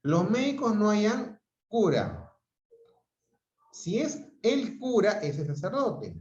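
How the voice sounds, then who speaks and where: Slow, patient male teacher on a video call. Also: sits high, very animated, darkish tone. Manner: explains patiently, checks in with "¿ok?" and "¿no?". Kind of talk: online grammar lesson. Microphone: video call audio. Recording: roomy, dull lo-fi video call sound.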